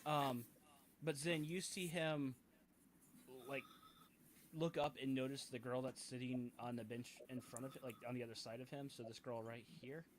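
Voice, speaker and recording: A man narrating a tabletop game as game master, halting and full of fillers and restarts. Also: mid-range voice, fairly even intonation, slight background noise. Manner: hesitant, many fillers and restarts.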